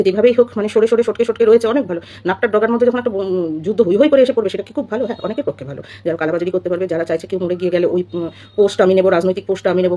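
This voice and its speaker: A woman's voice: on the low side, warm tone, highs cut off. A woman giving a casual opinion monologue, scolding and full of rhetorical questions. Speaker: social commentator.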